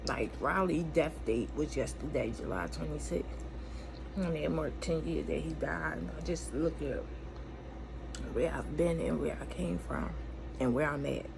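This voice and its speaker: Gravelly American woman, rambling candidly. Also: low-pitched, a little slow. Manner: candid, blunt, profane, emphatic. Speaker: vlogger. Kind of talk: rambling casual confessional chat. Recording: clearly noisy room ambience.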